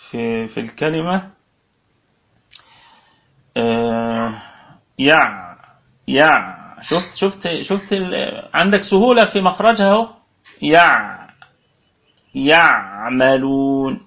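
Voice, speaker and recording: A man's voice: on the high side, normal speed, gravelly, long pauses. A man with an Egyptian accent teaching a Quran recitation lesson, patiently explaining and sounding out letters aloud, then checking with his students. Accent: Egyptian Arabic. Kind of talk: online tajweed lesson. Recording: dull lo-fi audio.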